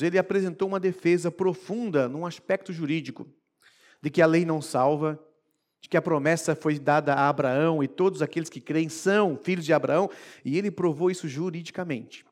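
Preacher guy, high voice, goes from hushed to emphatic. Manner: expressive, swings between hushed and emphatic. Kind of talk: sermon.

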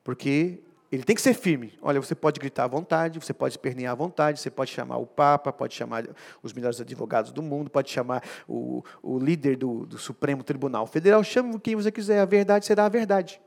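A man preaching a sermon, emphatic and building to forceful peaks on key points. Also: medium pitch, fairly quick, gravelly, few pauses.

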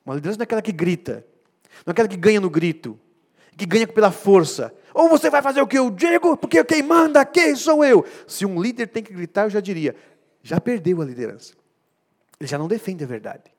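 A man preaching a sermon, emphatic and building to forceful peaks on key points. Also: high voice.

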